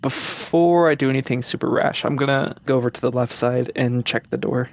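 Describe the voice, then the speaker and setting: A man's voice: medium pitch, a little fast, vocal fry, highs cut off. A man playing a comedic tabletop game, cautious and curious, asking the game master one question after another. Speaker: player.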